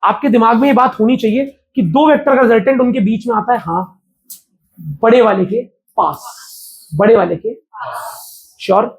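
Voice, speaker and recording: A man's voice: very high voice, normal speed, long pauses. A man teaching a physics class live to students, talking casually and often throwing questions at the class. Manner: chatty, keeps quizzing the class.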